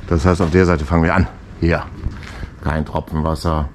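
A man's voice: extremely low pitch, little pitch movement, normal speed, slight background noise. An older man filming himself at a boatyard, talking casually with jokey, self-mocking asides into an action camera held at arm's length. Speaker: sailing vlogger. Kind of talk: casual self-filmed commentary. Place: outdoor boatyard.

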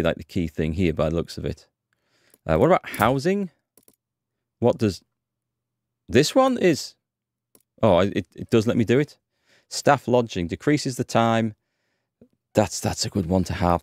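Fairly low in pitch, this North Yorkshire man in his thirties chats casually as a gaming streamer, thinking aloud over a headset mic while playing, a bit under the weather with a cold. He's from England and records indoors in his home streaming room. The sound is clean studio quality with no room sound.

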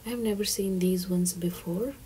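A woman giving a soft, half-whispered walkthrough of store items for her shopping vlog, listing each item and its price. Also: fairly low pitch, normal speed, slight background noise. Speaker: shopping vlogger. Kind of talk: shop-with-me voice-over.

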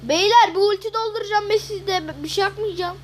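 A woman giving casual, excitable gameplay commentary, exclaiming and grumbling as she plays. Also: extremely high pitch, fairly quick, a little hiss or hum. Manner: excitable, swears and exclaims a lot. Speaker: gaming video host.

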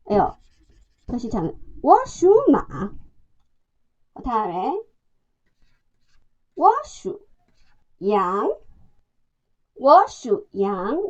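A woman from China with a Chinese accent, teaching a language lesson and modeling words for learners to repeat in a slow, drawn-out way. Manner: slow, drawn-out demonstration with lively pitch jumps on tones. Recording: dull, lo-fi sound.

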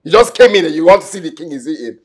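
A haughty Nigerian crown prince in a movie, husky and high, with wide swings in pitch. He talks down to people in a bullying, repetitive way. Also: expressive, racing. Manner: bullying, stammering repetition when angry. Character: arrogant, hot-tempered crown prince. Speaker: actor in a film drama. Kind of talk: Nollywood film acting.

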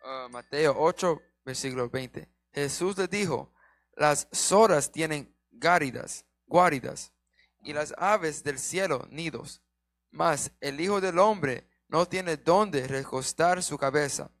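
A man reading Bible verses aloud slowly and carefully, stumbling now and then. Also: fairly high pitch, a bit bright, no echo. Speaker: scripture reader.

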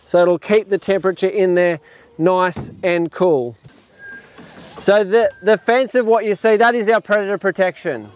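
A man's voice: high-pitched, steady tone, unhurried. A man in his thirties with an Australian accent, showing visitors around his farm outdoors, talking with enthusiasm and frequent restarts, recorded by a camera at a distance. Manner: enthusiastic, explanatory, with fillers and restarts. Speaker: farm owner giving a tour. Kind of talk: outdoor demonstration talk. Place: open paddock outdoors.

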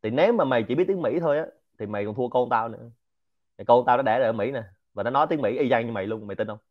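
A man with a Central Vietnamese Quảng Nam accent giving a lively, informal lecture to a community and dropping English words into his talk. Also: mid-range voice, very fast, highs cut off. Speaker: speaker hosting a Q&A session.

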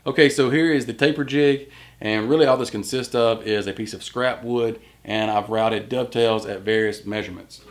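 In a large indoor woodshop, a man in his thirties who hosts a workshop channel stands at the bench and walks through using a jig step by step. It's a hands-on tutorial, delivered in a lowish, steady voice at a moderate pace, with slight background noise.

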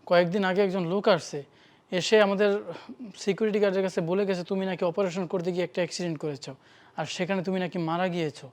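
A man's voice: high voice, fairly even intonation, racing, lightly acted. A man playing an emotional husband in a short-film drama who is confused and grieving over his wife. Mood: bewildered. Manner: emotional, calls out names.

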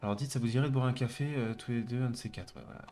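A man's voice: mid-range voice, rapid-fire, mellow, faint music behind. French man reading game text with jokes. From France. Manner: laughing, swearing, reading game text aloud. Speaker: gameplay commentator. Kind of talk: let's play commentary.

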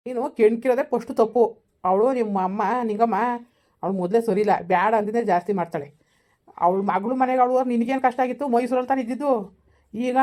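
A woman's voice: fairly high pitch, darkish tone, natural voice. A woman playing a blunt older village woman who scolds, in a village family drama.

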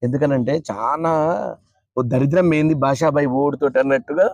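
A man, reviewing a TV show in casual chat, animated and opinionated. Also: on the high side, normal speed, no room sound. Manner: animated, opinionated, talks over his co-host.

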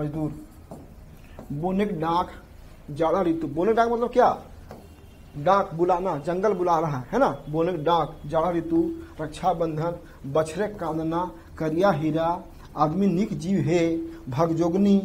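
A man's voice: on the high side, darkish tone, slight background noise. Repetitive male teacher. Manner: repetitive, drilling points to students. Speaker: exam prep teacher. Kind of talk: classroom lecture.

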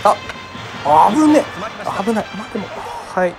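Over music and the crowd sound of a baseball game, a man from Kagoshima, Japan, streams his own play, reacting out loud and frequently apologizing in a casual way. He talks very fast in a high voice with fairly even intonation.

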